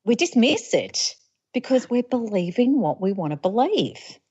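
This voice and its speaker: A woman author being interviewed on radio, talking in an animated way and acting out inner voices as she explains. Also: fairly high pitch, unhurried, slightly rough. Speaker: author and guest. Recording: dull lo-fi radio audio.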